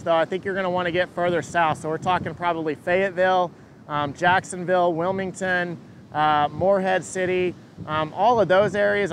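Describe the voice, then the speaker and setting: A man giving an unscripted live weather update as a forecaster, answering questions in a halting way and repeating words as he thinks. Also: a bit bright. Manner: hesitant, halting, repeats words mid-thought. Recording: engine rumble and wind noise.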